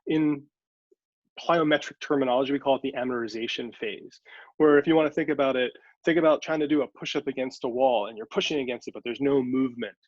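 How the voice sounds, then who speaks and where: A sports scientist, guesting in an interview, answers questions in a fast, medium-pitched male voice with no echo. He's teacherly, explaining patiently and working through examples step by step. The audio is dry and slightly dull.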